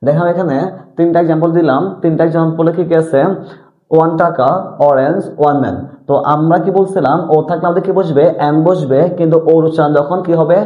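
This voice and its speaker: In tinny, lo-fi audio from an echoey room, a man with a fairly high, steady voice talks fast through a classroom-style English grammar explanation. He keeps posing questions and answering them himself in repetitive drills.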